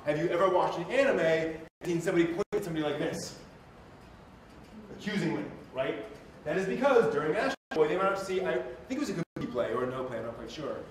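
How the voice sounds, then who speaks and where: Here a live stream presenter with a slightly high voice talks enthusiastically and informally about the history of anime, throwing in emphatic asides for his audience. He's heard through a distant mic in a very echoey indoor room with faint noise.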